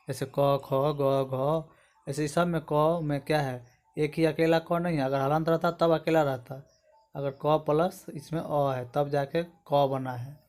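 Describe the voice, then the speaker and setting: Man teaching grammar, slightly high voice. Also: a little mellow. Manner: explains step by step, often asks "समझ गए दोस्तों?". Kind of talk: exam-prep grammar lesson.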